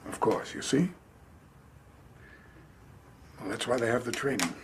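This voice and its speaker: An actor playing a gentle middle-aged father who talks in a soft, sentimental way. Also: medium pitch, quick pace, background noise, close to an everyday voice. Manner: softly nostalgic, tender.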